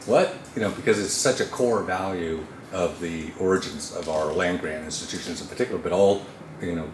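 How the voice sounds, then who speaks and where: A man with a very deep, low voice weighs in during an academic panel, explaining his point with animated emphasis. The sound is roomy and echoing, with steady noise behind it. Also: fairly quick. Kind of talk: panel discussion remark. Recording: echoey hall with noise.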